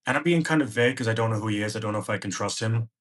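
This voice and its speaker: An American man with a fairly low voice talks rapid-fire as a podcast guest. He recounts a personal travel story in the present tense, acting out the dialogue as he remembers it.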